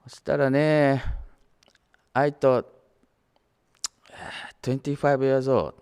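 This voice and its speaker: A man's voice: mid-range voice, darkish tone, smooth. An older man from Japan, a Japanese native, giving an anecdotal sermon as minister, switching between Japanese and English. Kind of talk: sermon storytelling.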